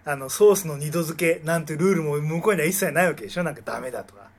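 A man's voice: fairly high pitch, very fast. A man co-hosting a casual chat, teasing his partner and laughing often. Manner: teasing, laughing, frequent backchannels.

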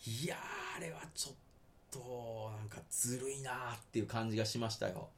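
A man's voice: medium pitch, a little fast, gravelly. A man, chatting casually as a podcast co-host, laughing often and acting out quoted lines. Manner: animated, laughs often, slips into Kansai-style quoted lines. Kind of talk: casual chat about anime.

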